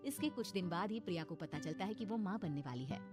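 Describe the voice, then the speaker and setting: Animated woman narrating, music behind. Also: on the low side, fast talker. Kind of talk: dramatic scripted horror story narration.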